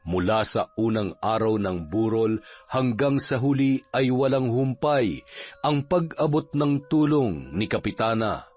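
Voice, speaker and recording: A man giving steady, measured narration for a scripted horror story. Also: mid-range voice. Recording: slightly dull recording with music underneath.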